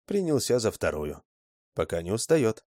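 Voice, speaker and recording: A man reading a story aloud as narrator, steady and even. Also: on the low side, moderate pace, no room sound, studio quality. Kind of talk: scripted audiobook narration.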